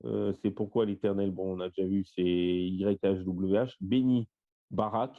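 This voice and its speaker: A man with a lowish voice teaches an online Bible study, walking through word meanings slowly, point by point. His speech is full of little fillers as he works through the list. The audio is dull and lo-fi, like a voice call. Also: fairly even intonation. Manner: lists word meanings in a slow, step-by-step way with fillers. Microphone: voice-call microphone.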